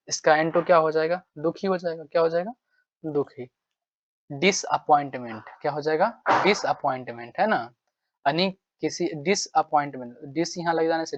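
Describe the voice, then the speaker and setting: A man's voice: a little high, no echo. Man teaching in questions and answers. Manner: repetitive, quizzing himself with rhetorical questions. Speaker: English vocabulary teacher. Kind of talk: Hindi tutorial lesson. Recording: dry, dull lo-fi mic.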